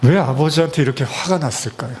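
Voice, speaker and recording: A man's voice: on the high side, fast, a little mellow, a little hiss or hum. A middle-aged male pastor delivering a Christmas sermon in a conversational, storytelling way with frequent fillers.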